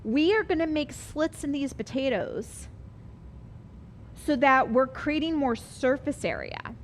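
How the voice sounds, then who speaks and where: A woman's voice: high voice, lively intonation, measured pace, slight background noise. A woman teaching a live online cooking class, chatty and upbeat, explaining each step as she works.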